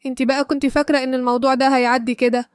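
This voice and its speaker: A woman reading the lines of a jealous, furious young male lover in Egyptian Arabic, quickly and evenly in her own voice. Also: sits high, little pitch movement, clear, resonant tone, no room sound, clean studio sound, natural voice. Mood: angry.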